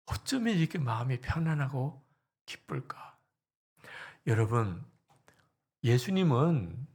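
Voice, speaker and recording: A male pastor preaching a sermon in a church, telling stories dramatically and dropping often into breathy whispers. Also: on the high side.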